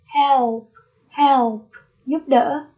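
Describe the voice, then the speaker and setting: A woman's voice: high voice, fairly even intonation, dark tone, muffled recording. A woman teaching an English lesson, saying each word twice and then explaining it. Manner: repeats each word slowly, then glosses it. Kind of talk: vocabulary lesson.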